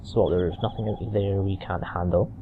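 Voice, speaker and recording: This is a man with a mild Scottish accent giving loose, chatty let's-play commentary. His voice sits fairly low and he restarts and wanders between asides. A faint hiss from a cheap microphone runs underneath. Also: fairly even intonation, normal speed, narrow, tinny audio. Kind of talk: casual gameplay commentary.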